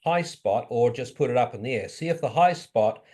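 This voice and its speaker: Male advisor, medium-pitched voice, methodical and informal practical instruction. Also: animated, moderate pace, dark tone. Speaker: advisor giving technical tips. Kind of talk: casual technical instruction.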